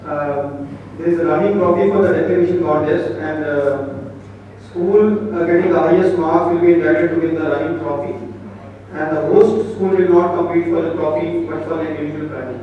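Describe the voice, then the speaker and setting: A man makes a formal, halting announcement as a contest announcer. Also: on the high side, fairly even intonation, recorded from a distance, a little hiss or hum. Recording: tinny, very echoey hall from afar.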